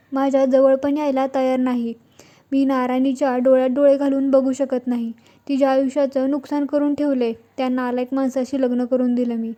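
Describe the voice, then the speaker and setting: A woman with a high but mellow voice tells a TV serial's episode as a recap. She keeps her delivery level and steady, reading the characters' lines without changing her voice. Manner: reads out character dialogue in her own plain voice. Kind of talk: scripted plot recap narration.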